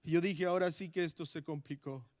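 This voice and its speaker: A man giving a testimony in a church sermon, moving between quiet, hushed prayer and loud, impassioned pleas. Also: a little high, steady tone, fairly quick, no room sound, clean studio sound.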